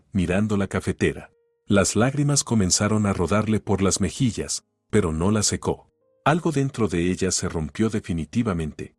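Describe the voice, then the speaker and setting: A man narrating a family drama in an even, steady audiobook story reading. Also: fairly low pitch, breathy edge, no echo, studio quality.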